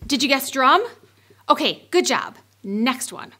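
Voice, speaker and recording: A cheerful woman hosts a kids' church lesson and talks straight to the children. Her voice is high and moves a lot. Soft music plays behind her. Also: big pitch swings, a little slow, slightly rough. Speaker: children's ministry host.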